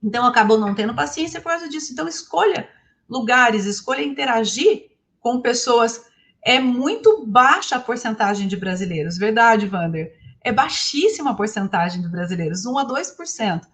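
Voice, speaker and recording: A woman from Brazil whose first language is Portuguese, giving a lively talk as an English teacher and asking her audience questions. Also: fairly high pitch, moderate pace. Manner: animated, asks the audience questions.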